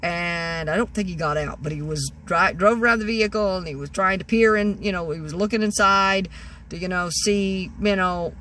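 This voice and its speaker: At a normal speed and a fairly low, slightly bright pitch, a woman in her sixties vlogs from her parked car, telling a casual, rambling story. She keeps restarting and dropping "you know"s, captured on a phone at arm's length with a little hiss or hum.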